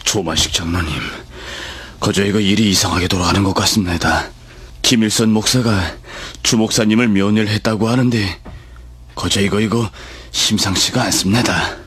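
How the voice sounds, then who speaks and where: Indignant church elder, Pyongan accent, very rough husky voice, insistent, radio-drama delivery, dry sound. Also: male voice, on the low side, moderate pace, a bit bright, no room sound. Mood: suspicious. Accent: North Korean Pyongan. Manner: insistent, agitated, emphatic. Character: suspicious, indignant, fervent male church elder in colonial Korea.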